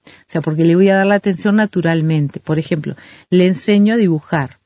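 Woman, measured expert guest, lots of examples; dry, muffled lo-fi sound. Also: on the low side, warm tone, no room sound. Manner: measured, explains with everyday examples. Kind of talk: calm explanatory talk.

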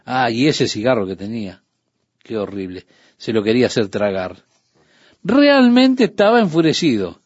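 Guy preaching on the radio, lively storytelling, dull lo-fi sound, dry. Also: mid-range voice, normal speed, no echo. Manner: animated storytelling, acting out his own outbursts. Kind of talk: radio sermon. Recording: dull lo-fi dry studio recording.

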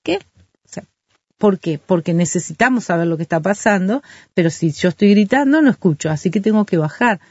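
Woman explaining parenting calmly. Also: medium pitch, breathy edge, no echo. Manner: measured, explains with everyday examples. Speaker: parenting expert guest. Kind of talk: calm explanatory talk. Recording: dull lo-fi dry sound.

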